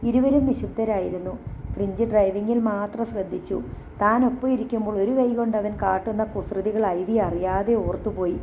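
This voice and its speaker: A woman narrating an audiobook in a steady storytelling manner. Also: mid-range voice, a little hiss or hum. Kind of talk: scripted narration. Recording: roomy, dull lo-fi recording.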